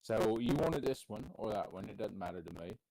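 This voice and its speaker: A man's voice: lowish voice, animated, fairly quick, warm tone, no room sound, rough recording. A man playing a tabletop game in character, talking casually with some stammering. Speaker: player.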